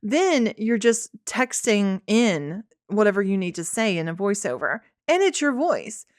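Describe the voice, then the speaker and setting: A woman's voice: medium pitch, very animated, unhurried, dry recording. Southern woman, co-host of a casual chat podcast, wry and chatty, dry close sound. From Tennessee.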